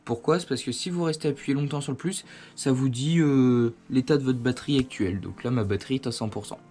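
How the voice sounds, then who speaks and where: His mid-range voice is a little mellow and fairly quick as he runs a casual, hands-on product demo indoors at home. The man hosts a motorcycle gear review channel and explains things informally, like a conversation.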